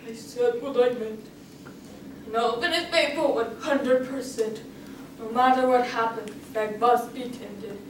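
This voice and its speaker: A woman voicing a kind, faithful male elephant in a duo story performance, earnest and deliberate. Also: a little high, natural voice. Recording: echoey room, mic far off, faint noise.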